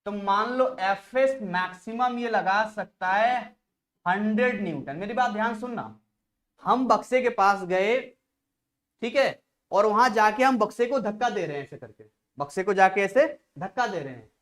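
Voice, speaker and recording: A man with a high-sitting, fairly bright voice teaches a live online physics class at a moderate pace. He's chatty and repetitive, drilling points by repeating phrases and drifting into side stories before returning to the lesson.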